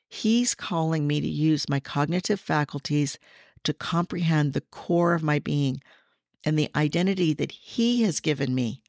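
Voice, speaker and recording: A middle-aged woman hosting a faith podcast, sharing personal reflections in an earnest, gently teaching way. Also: low-pitched, gravelly, no room sound, studio quality. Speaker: podcast host.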